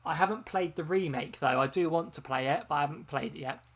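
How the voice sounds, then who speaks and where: A game channel host with a mid-range, slightly bright voice talks at a quick clip. Worn out from a long live stream, he rambles loosely and chattily, full of ums and self-corrections.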